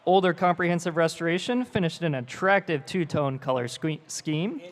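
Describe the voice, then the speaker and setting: A man announcing auction lots, reading out the details of each car in a steady, informative way. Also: a little high, moderate pace. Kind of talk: reading lot descriptions.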